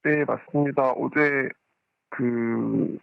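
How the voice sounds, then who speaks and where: Pitch-shifted deep disguised caller. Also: fairly even intonation, vocal fry, dry recording, phone-quality sound. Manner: hesitant and careful, with many pauses. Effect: voice disguised with a pitch-shifting voice changer. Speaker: anonymous parent calling in. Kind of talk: phone-in interview.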